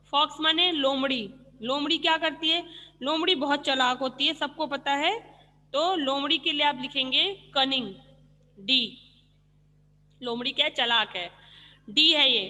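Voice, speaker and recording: Bright-voiced woman teacher, echoing room. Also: high-pitched. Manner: explains patiently, asks questions and answers them herself. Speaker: school teacher. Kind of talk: online class lesson explaining vocabulary.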